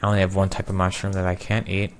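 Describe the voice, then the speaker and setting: A young man casually commenting on his own gameplay, joking and sarcastic, with sudden loud outbursts. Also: low voice, completely flat delivery, quick pace, slight background noise. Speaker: gameplay video creator.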